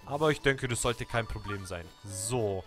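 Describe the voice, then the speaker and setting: A young man with a German accent, chatting excitedly to viewers while playing a video game. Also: fairly low pitch, normal speed, faint music behind. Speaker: let's play gamer. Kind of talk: live game commentary.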